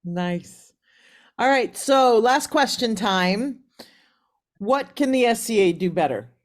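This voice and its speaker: A woman's voice: on the high side, expressive, slow pace. Curious woman podcast host. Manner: curious, asking lots of questions. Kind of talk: casual interview chat.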